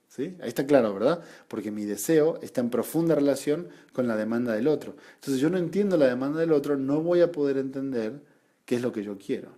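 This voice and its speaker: Man, Argentine Spanish accent, teaching a seminar, middle pitch, warm and mellow, checks in with tag questions. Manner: rhetorical tag questions, repeats for emphasis. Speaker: psychoanalysis study group teacher. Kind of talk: explanatory seminar lecture.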